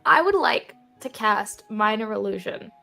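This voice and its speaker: A woman's voice: mid-range voice, lively intonation, measured pace, creaky, bright, forceful tone, soft background music. A woman chatting casually as a player in a tabletop role-playing game.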